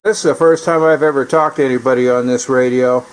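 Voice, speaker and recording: An American man talks fast in a steady, medium-pitched voice. He's a radio repair hobbyist and CB operator, chatting through a casual, rambling, folksy demonstration, with background noise clearly audible.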